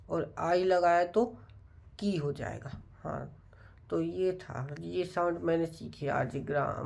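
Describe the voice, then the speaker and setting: Man with a gravelly voice, musing. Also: on the high side, a little mellow. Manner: unhurried, musing explanation to viewers. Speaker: student vlogger. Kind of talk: casual study vlog talk.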